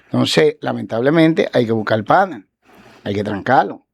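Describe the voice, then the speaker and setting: A man, a guest lawyer on a talk show, telling a case story in a casual, animated way and acting out the quoted dialogue. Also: mid-range voice, normal speed, vocal fry, husky.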